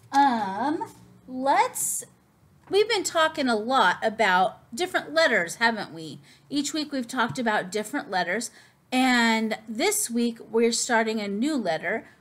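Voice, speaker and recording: A woman teaching preschoolers as host of a children's lesson, speaking slowly with exaggerated, cartoonish sing-song intonation. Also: on the high side. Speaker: preschool teacher hosting circle time.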